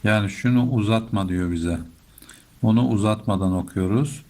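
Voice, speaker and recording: A middle-aged man teaching Quran recitation step by step, explaining patiently and chanting verses slowly. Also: fairly low pitch, a little mellow. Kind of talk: slow step-by-step recitation lesson.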